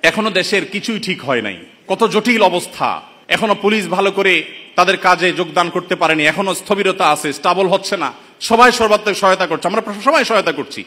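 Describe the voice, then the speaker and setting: A man's voice: high-pitched, bright, forceful tone. A man preaching in an indignant, rhetorical way, calling his listeners brothers, from Bangladesh. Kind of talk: impassioned sermon-style commentary. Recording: long reverberant hall sound.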